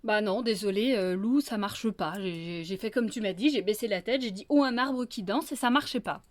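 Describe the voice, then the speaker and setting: A woman voicing a sly fox who mutters in a low, hesitant, sheepish way. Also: moderate pace, lightly acted.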